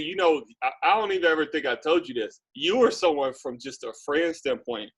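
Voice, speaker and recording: A man animatedly recounting his reaction as a friend, in a casual interview. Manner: animated storyteller, jumpy pitch. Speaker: guest friend.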